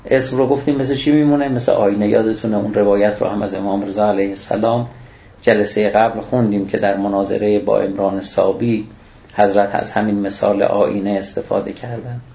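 A man speaks on religious scripture in a voice on the low side, steady, creaky and dark. He recites Arabic, explains its meaning, and answers his own rhetorical questions, in a recording that is dull and echoey.

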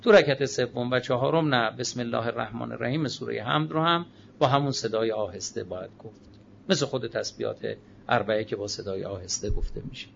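A man giving a religious lecture as a cleric, swinging between emphatic raised phrases and quiet low asides and drawing out sacred phrases. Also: gravelly, dull audio, a little hiss or hum. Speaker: Islamic cleric.

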